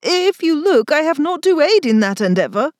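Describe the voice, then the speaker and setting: Play a wry young viscount, voiced by a woman narrator, formal and teasing in an old-fashioned storybook way. Let the lines swing widely in pitch, and keep the sound close and dry. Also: sing-song, moderate pace, darkish tone, no room sound. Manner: formal period speech, rising to a strained high pitch.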